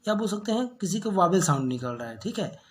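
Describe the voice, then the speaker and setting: A male teacher giving a grammar lesson, slowly explaining and answering his own rhetorical questions. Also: sits high, big pitch swings, slight background noise. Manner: asks rhetorical questions then answers, checks with "okay"; slow, deliberate explaining. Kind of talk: classroom-style grammar lesson.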